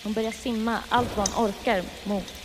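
A woman improvising a horror story, narrating scenes in a steady, descriptive way. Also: on the high side, long reverb tail, background noise.

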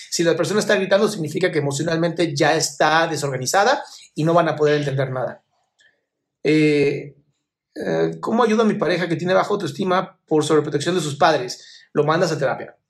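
A man hosting a live stream, reading viewer questions aloud and answering them with frank emotional advice, calling viewers "my love.". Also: on the high side. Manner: affectionate, calls viewers "my love".

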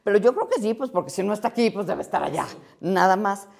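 Woman interviewee, warm mellow tone, animated storyteller. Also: mid-range voice, fast talker, creaky. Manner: lively, acts out quoted dialogue.

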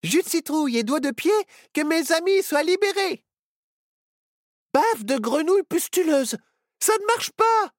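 A woman voicing a bold young apprentice witch girl in a storybook, with a high, eager delivery. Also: expressive, measured pace, dry recording, studio quality. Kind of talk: storybook character voice.

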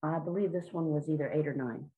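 A woman with a fairly low, mellow voice gives an interview about helping children with their mindset. She speaks earnestly and encouragingly, sometimes repeating a word as she goes. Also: fast talker, low-quality recording. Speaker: guest, children's mindset coach. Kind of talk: interview answers.

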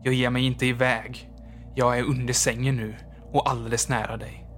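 A man's voice: medium pitch, flat delivery, a bit bright, soft background music, natural voice. A man doing a vengeful skeleton ghost. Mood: menacing.

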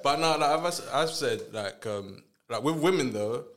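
A man's voice: mid-range voice, animated, normal speed, fairly bright tone. A young man in his twenties with a London roadman street accent, bantering casually and jokily in slang, often repeating his phrases. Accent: London, urban street style. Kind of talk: casual banter among friends. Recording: echoey room with faint background noise.

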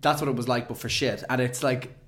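A man's voice: mid-range voice, steady tone, a little fast, a bit bright. A man with an Irish accent co-hosting a podcast, telling anecdotes in casual, jokey banter. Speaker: podcast co-host.

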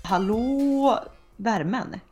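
A woman in her thirties co-hosting a podcast, chatting in a relaxed, rambling way. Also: on the high side, faint music behind. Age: born in the late 1980s. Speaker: podcast co-host. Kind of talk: casual chat. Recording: slightly dull, lo-fi sound.

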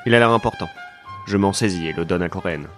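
A man narrating a comic detective story in a deadpan, mock-serious way. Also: low voice, fast talker, faint music behind. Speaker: narrator and lead of a comedy podcast. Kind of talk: scripted comedic detective narration.

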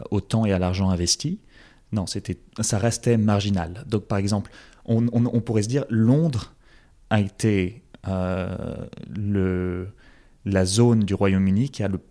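Young French man, low mellow voice. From France. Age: young adult. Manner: halting, many restarts and fillers. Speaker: guest, former campaign organizer. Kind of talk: casual interview.

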